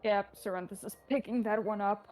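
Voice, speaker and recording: A woman's voice: mid-range voice, steady tone, normal speed, a little mellow, faint music behind. A woman playing a tabletop game, casually describing what her character does. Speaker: player.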